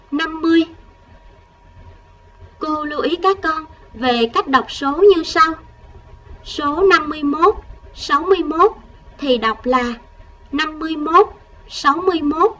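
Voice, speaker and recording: High-voiced woman teaching children to count. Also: recorded from a distance, muffled recording, a little hiss or hum. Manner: patient, slow counting, coaxing children with gentle prompts. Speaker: primary school math teacher. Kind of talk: recorded math lesson for first graders.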